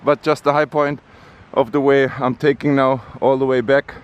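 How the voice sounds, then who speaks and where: A man narrating a casual travel vlog outdoors on a rainy coast, in a halting way with many fillers. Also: mid-range voice, little pitch movement, smooth, dull audio. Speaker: travel vlogger.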